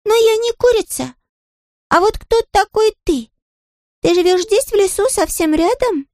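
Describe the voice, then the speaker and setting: A tiny yellow storybook chick girl with a very high, squeaky voice, always chattering and asking eager questions. The voice is dry and close, with no room around it. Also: expressive, unhurried, no room sound, full character voice.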